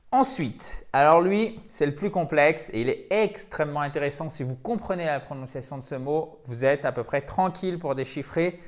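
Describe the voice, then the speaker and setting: A man teaching English pronunciation in French, explaining stress step by step and pointing to examples. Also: a little high.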